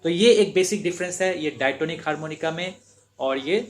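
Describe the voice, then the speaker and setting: A man's voice: fairly high pitch, brisk, soft background music. A man teaching beginners harmonica, explaining patiently and repeating each step as he demonstrates. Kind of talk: instructional demonstration.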